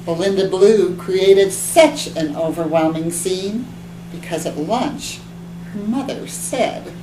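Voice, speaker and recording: A woman from the library staff reading children's poems aloud in a clear, expressive storytelling manner. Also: lowish voice, takes it slowly. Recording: echoey room with background hum.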